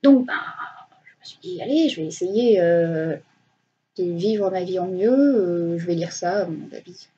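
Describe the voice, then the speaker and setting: A young woman vlogging about her books in a casual, rambling way, stopping often to correct herself. Her voice is mellow and a little husky. The recording sounds dull and lo-fi. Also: on the low side, expressive, measured pace. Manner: chatty, rambling with many hesitations and self-corrections; self-mocking. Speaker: booktuber. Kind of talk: casual reading vlog.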